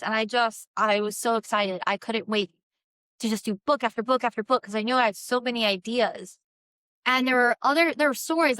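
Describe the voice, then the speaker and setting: A woman talking in a casual, rambling and animated solo vlog style, informal and unscripted. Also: fairly high pitch, smooth, dry recording. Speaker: host, self-published author.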